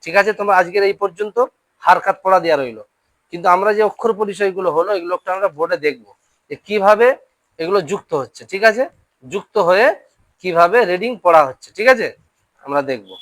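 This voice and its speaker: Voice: mid-range voice, fast, no echo. Patient teacher drilling Arabic letters. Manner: drills syllables aloud, often checks understanding. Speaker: Quran reading teacher. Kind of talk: letter-by-letter Quran reading lesson. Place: classroom with a board.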